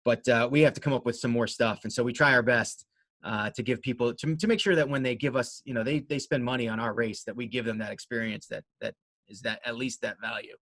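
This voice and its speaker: A man talks casually as an interview guest, at a middling pitch. He rambles along in a conversational way and is modest and self-deprecating about himself. The sound is dry, with little room in it. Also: steady tone, brisk, a bit bright, dry recording. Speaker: interview guest, amateur runner and race organizer.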